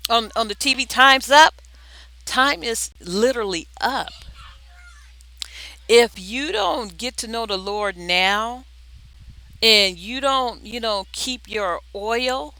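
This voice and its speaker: A person giving an impromptu religious exhortation like a video diary, pleading earnestly and urgently, often repeating words in a halting way. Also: mid-range voice, bright, forceful tone, poor audio. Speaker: video diarist sharing prophetic dreams.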